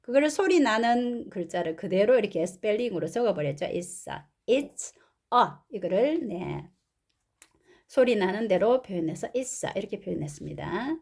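A woman's voice: mid-range voice, expressive, moderate pace, a little mellow, breathy edge. A woman English teacher reading a picture book aloud and patiently explaining words and pronunciation.

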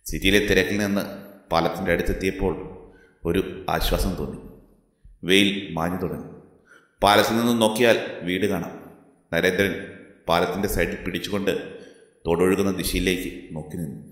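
A man's voice: sits low, steady tone, brisk, pauses often, fairly bright tone. A man steadily narrating a crime thriller story, in an echoey room. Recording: echoey room with long reverb.

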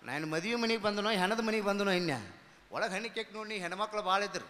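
A man's voice: sits high, fast, pushed and bright, long reverb tail. A man doing stand-up comedy storytelling on stage with a North Karnataka accent, telling folksy tales and slipping into character voices. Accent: North Karnataka Kannada. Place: comedy stage before an audience.

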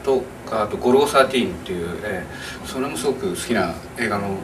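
Thoughtful man pausing often, distant mic. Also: fairly low pitch, expressive. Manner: thoughtful, pausing, many drawn-out fillers. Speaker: animation director. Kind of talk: interview answers. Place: small indoor press room. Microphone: camera across the room. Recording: distant camera mic, faint noise.

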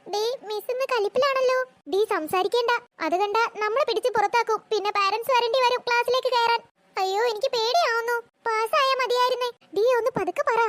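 A squeaky worried schoolgirl. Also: a bit bright. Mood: anxious. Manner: gossipy, quick to worry. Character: chatty anxious schoolgirl. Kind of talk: cartoon voice acting.

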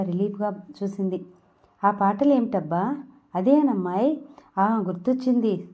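A woman narrating an audio novel in a steady storytelling read. Her tone is mellow and soft-edged, with ordinary pitch for a woman. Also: lo-fi sound.

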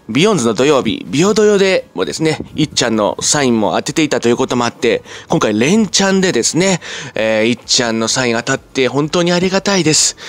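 Chatty man, lively pitch, dry sound. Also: dry recording. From Japan, Oita. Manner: chatty, polite with many fillers and asides. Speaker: vlogger reporting on idol concerts. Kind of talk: casual concert report vlog.

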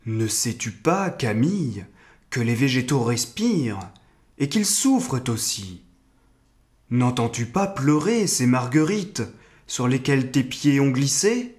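A great old oak tree with a big, gruff voice, speaking slowly and sternly like a patient teacher, as a man reading the tale puts it on. Storybook reading. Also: medium pitch, big pitch swings, a little mellow. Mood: stern, wise.

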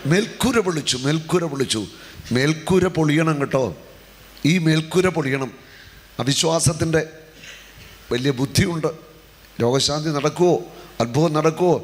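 A male preacher giving a fervent healing sermon, calling on the congregation to answer back and moving between hushed talk and shouting. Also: fairly high pitch. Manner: fervent, call-and-response, shifts from hushed to shouting. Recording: long hall reverb.

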